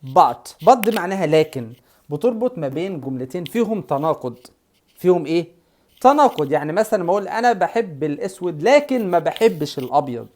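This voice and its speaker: A man's voice: on the high side, sing-song, quick pace. A young man with an Egyptian Arabic accent teaching English words in a casual lesson, who repeats each word and has the listener say it after him. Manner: repeats words and drills the learner, varying his loudness.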